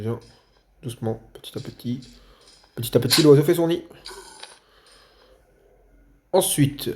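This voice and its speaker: A man's voice: medium pitch, a little mellow, a little hiss or hum. A man thinking aloud while he plays a video game, talking playfully to his viewers. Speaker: gaming video creator. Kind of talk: let's play commentary.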